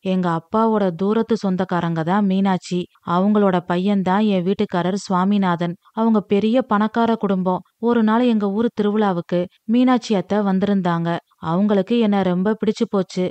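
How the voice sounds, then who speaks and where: A woman reading a storybook, voicing a grieving, humble middle-aged mother who speaks in a soft, sorrowful tone. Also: medium pitch, no echo, lo-fi sound, close to an everyday voice.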